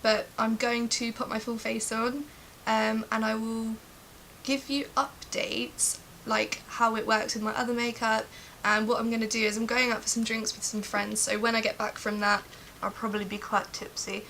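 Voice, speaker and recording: A woman's voice: fairly high pitch, flat delivery, normal speed, creaky, pushed and bright, rough recording. A woman chatting informally to camera in a casual makeup review. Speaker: beauty vlogger. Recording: faint background hiss.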